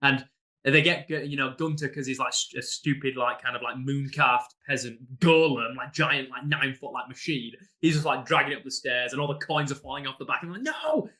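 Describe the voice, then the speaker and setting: A man with a bright, forward voice talks through his last tabletop session as game master. He rambles loosely, with plenty of fillers and restarts. When he mimics his players, he raises his voice. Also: medium pitch, fairly even intonation, a little fast. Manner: rambling storyteller, many fillers. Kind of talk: casual campaign recap.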